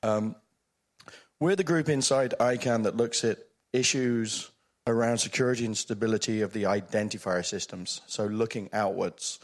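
A man with a croaky voice from being sick, giving an informal, joking conference talk. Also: fairly low pitch, normal speed. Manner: joking, informal, self-deprecating. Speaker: security officer introducing his team.

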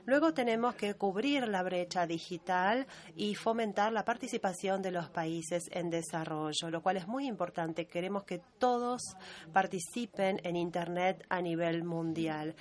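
A woman giving a steady, measured simultaneous interpretation of a meeting chair's remarks and roll call. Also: mid-range voice. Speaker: conference interpreter.

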